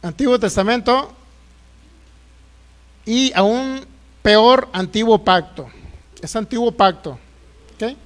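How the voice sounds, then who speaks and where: A man's voice: high-pitched, takes it slowly, pauses often, a bit bright. A middle-aged man with a Jalisco Mexican accent, preaching a sermon as pastor, jokey and folksy, firing rhetorical questions.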